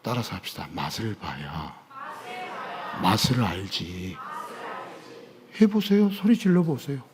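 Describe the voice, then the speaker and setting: A man's voice: fairly low pitch, very animated, slow pace, slight background noise. Impassioned male pastor, echoing hall. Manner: swings from near-whispers to loud cries. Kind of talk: sermon. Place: church sanctuary. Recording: church hall reverb.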